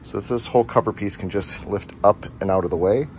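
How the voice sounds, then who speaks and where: A man's voice: lowish voice, brisk, darkish tone. A man hosting a casual DIY how-to video, explaining step by step in an informal way, in a basement room. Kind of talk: casual how-to repair narration. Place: noisy basement furnace room at home. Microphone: handheld camera's microphone. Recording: background noise from basement furnace room.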